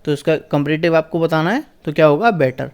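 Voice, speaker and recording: A young male teacher with a fairly high voice leads a lesson on a past exam paper. He asks each question himself and then answers it. He slows right down to read the English lines word by word. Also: lo-fi sound.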